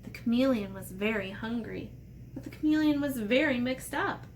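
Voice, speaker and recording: With a fairly high pitch but a darkish tone, this woman speaks animatedly at a moderate pace, with slight background noise. She's an elementary art teacher guiding kids through a read-aloud and drawing lesson in simple, playful, step-by-step language, adding playful asides.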